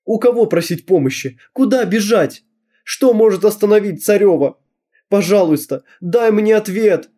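A man voicing a tearful teenage schoolgirl who pleads desperately in a high, strained voice. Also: normal speed, dark tone. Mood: sobbing prayer.

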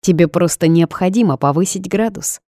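A woman voicing a brash, bossy young woman who is a pushy friend, speaking loudly and emphatically. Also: lowish voice, normal speed, dry recording, clean studio sound, natural voice. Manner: loud, emphatic, commanding.

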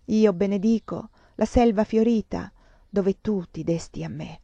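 A woman's voice: medium pitch, measured pace, gravelly, dark tone, dry recording. A woman reading the lines of a passionate, doomed young nobleman in a declaiming, poetic manner, with a dull, muffled sound.

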